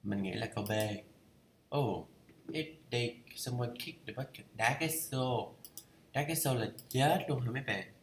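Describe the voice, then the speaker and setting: A Vietnamese man talking through English idioms in a casual study vlog. He thinks aloud and reads English phrases slowly to check how they are pronounced. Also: medium pitch, reverberant, a little hiss or hum. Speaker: learner reading a course aloud.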